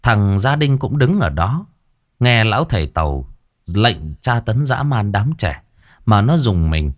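A man narrating a horror story in a dramatic, expressive audiobook style. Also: lowish voice, measured pace.

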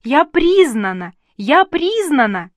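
A woman's voice: sits high, very animated, slow pace, no echo, studio quality, voice pushed up, heavily acted. A woman voicing an earnest, emotional young princess who speaks in fervent exclamations in an audiobook reading. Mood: overjoyed.

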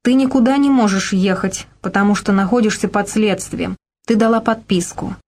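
A woman reading an audiobook, voicing a jealous, sulky young male investigator in slow, flat replies. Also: mid-range voice, a little hiss or hum, lightly acted. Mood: stern.

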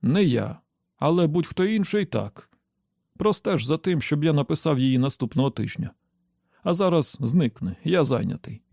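A man doing a shrewd older man, gravelly and measured. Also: fairly high pitch, expressive, darkish tone, dry recording, studio quality. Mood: dry. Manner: measured, explaining step by step. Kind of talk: audiobook character voice.

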